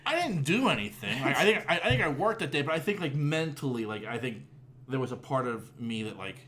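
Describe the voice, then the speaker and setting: With a medium-pitched, sing-song delivery, this forties-aged podcast host from around Pittsburgh chats casually and briskly, rambling with fillers, restarts and swearing. His tone is pushed and bright, with a little hiss or hum on the recording.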